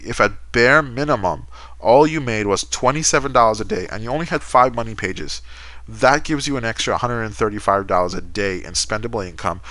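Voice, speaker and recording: A man delivering an infomercial sales pitch in a conversational way, often checking in with "okay?" and "right?". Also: bright, forceful tone, no room sound. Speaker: online business program seller.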